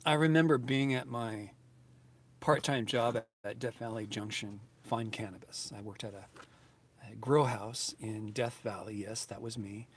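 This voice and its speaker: A man's voice: mid-range voice, moderate pace, breathy edge. Earnest rambling man in his fifties. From United States. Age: 50s. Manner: earnest, rambling, grateful, with many restarts and fillers. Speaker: YouTube channel host. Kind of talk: casual vlog talk to viewers.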